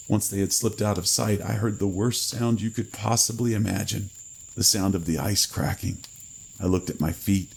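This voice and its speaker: A man reading a first-person horror story in a slow, grave storytelling manner. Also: sits low, vocal fry, darkish tone, slightly rough, poor audio. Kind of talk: scripted horror narration.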